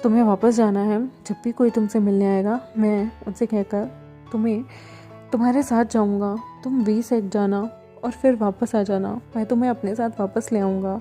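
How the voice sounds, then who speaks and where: A woman voicing a gentle, caring older brother. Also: medium pitch, fairly even intonation, normal speed, soft background music, close to an everyday voice. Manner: kind, soothing, firm scolding.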